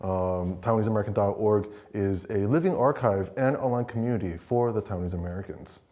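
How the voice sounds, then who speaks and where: A man hosting a news interview show, asking casual, halting questions. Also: fairly low pitch, warm tone.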